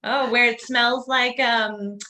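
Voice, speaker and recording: A woman's voice: on the high side, fairly even intonation, slow, pushed and bright. A woman hosting a casual video-call chat, chatty and upbeat, laughing easily. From not from Spain, lives in Spain. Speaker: host.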